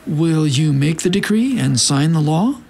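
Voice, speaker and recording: An actor playing a sly, flattering royal official in a theatrical Bible drama. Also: male voice, fairly high pitch, measured pace, creaky, a little hiss or hum. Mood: fawning.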